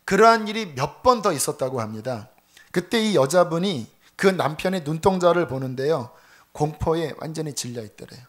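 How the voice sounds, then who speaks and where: Male pastor, Sunday sermon in a church, somewhat high voice, vivid dramatic storyteller. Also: expressive, moderate pace, a bit bright. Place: church sanctuary.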